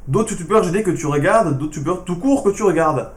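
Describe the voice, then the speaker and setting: A man runs through viewer questions with dry, sarcastic answers, keeping his voice hushed. His voice sits a little high, and the room around him sounds echoey. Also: expressive, a little fast. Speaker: YouTuber answering fan questions. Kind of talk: casual Q&A vlog.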